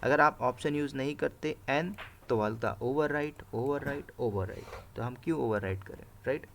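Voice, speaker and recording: A man with a gravelly, creaky voice teaches a live class at his computer, walking through each step and checking in with "right?" as he goes. Steady keyboard clicks and clear background noise run under his voice in this home recording. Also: mid-range voice, unhurried. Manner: explains step by step, tags lines with "right?" and "okay". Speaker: instructor. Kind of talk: live screen-share coding class.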